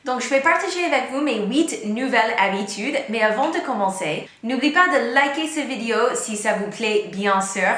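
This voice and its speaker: Young woman, strong American accent, native English speaker, casual vlog chatter, fairly high voice, echoey room. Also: a bit bright. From United States. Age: young adult. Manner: chatty, often strings thoughts together with "donc". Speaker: YouTube vlogger. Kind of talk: casual direct-to-camera vlog.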